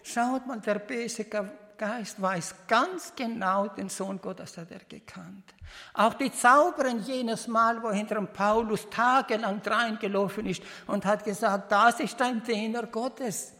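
Woman preaching real slow, halting n earnest, lots of restarts, big hall echo. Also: on the high side, sharp tone. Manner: halting, heartfelt, with many restarts and non-native grammar. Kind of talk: sermon. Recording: long reverb of a hall.

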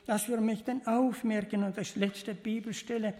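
A man preaching an earnest, fervent Bible sermon as a lay preacher, speaking in halting, loosely built sentences that restart and repeat. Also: high-pitched, little pitch movement, darkish tone. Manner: earnest, repetitive, addresses listeners as beloved. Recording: long reverb of a large hall.

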